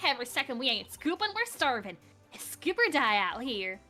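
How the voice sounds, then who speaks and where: A woman voicing a gruff, hard-driving news chief who barks orders in clipped, folksy talk. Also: fairly high pitch, very animated, a little fast, sharp tone, faint music behind. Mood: bossy.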